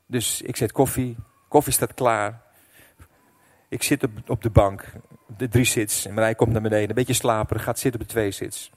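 A middle-aged man preaching a sermon as pastor, telling a personal story with emotion, dropping to a hush and then rising loud. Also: medium pitch, steady tone, normal speed. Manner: emotional storytelling, swinging between hushed and loud.

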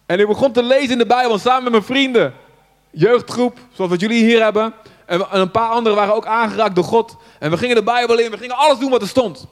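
Animated Dutch-born preacher in an echoing hall. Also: male voice, very high voice, fast. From Netherlands. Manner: animated storytelling, acts out voices, swings from hushed to loud. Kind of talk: sermon to a live audience. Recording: long hall reverb.

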